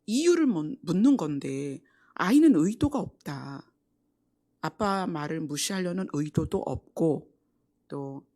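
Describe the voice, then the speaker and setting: A middle-aged woman pastor giving a conversational sermon at a Friday prayer meeting, acting out quoted lines and dropping into soft asides. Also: fairly low pitch. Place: church sanctuary.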